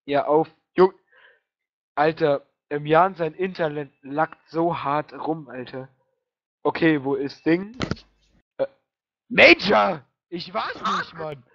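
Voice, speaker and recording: A man's voice: a little high, slow pace, dry recording. A drunk young man with a German accent, swearing crudely in casual voice chat while gaming. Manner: crude, swears a lot, excitable. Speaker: online gamer. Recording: muffled lo-fi voice chat.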